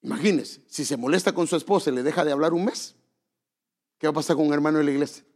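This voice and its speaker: A man's voice: on the high side, fast, darkish tone. A man preaching a sermon, earnestly exhorting his congregation and asking them rhetorical questions.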